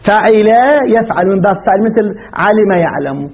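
A man's voice: high voice, a little fast, creaky, narrow, tinny audio. A man teaching a grammar class, explaining each step and asking the students questions.

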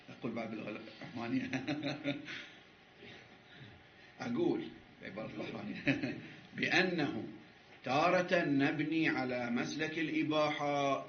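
A man's voice: sits high, slight background noise. A man teaching a seminary jurisprudence class, arguing his point and restarting phrases as he goes. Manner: argumentative, repeats and restarts, laughs at times. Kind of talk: jurisprudence class lecture with debate. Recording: echoey room, dull lo-fi sound.

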